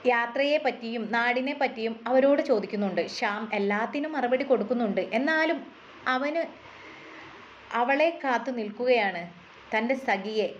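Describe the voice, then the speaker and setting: A woman narrating a story in a steady, measured reading voice. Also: fairly high pitch. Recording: dull lo-fi with faint hiss.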